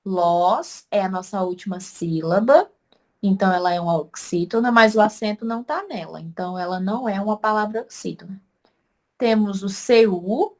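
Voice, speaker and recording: A woman teaching a language lesson online, explaining step by step, asking questions and answering them herself, and loudly stressing syllables to demonstrate. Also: medium pitch.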